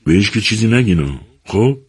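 Shaken young farmhand as a husky-voiced man plays him, defensive, pitched up a bit, audiobook. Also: expressive, a little mellow. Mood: tense, defensive. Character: troubled young farm man on the run.

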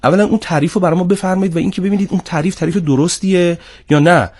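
A man's voice: high-pitched, a little mellow, breathy edge. A man hosting a panel discussion in a formal, courteous and deferential manner. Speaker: host.

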